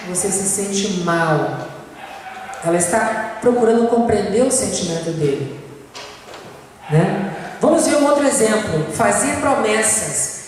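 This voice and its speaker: A woman's voice: mid-range voice, animated, darkish tone, distant mic. Brazilian woman giving a church talk, asks the crowd questions, big echoey hall, faint hiss. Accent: Brazilian Portuguese. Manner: asks the audience rhetorical questions, slows down to stress points. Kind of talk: lecture to an audience.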